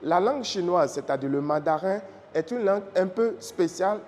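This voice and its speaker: A man's voice: high voice, expressive, moderate pace, darkish tone. A man teaching a lesson, patiently explaining and repeating key points. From Africa. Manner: patient, repeats key phrases, checks understanding. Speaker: Mandarin teacher and channel host. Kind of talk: slow explanatory lesson with tone demonstrations. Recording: reverberant room with faint music.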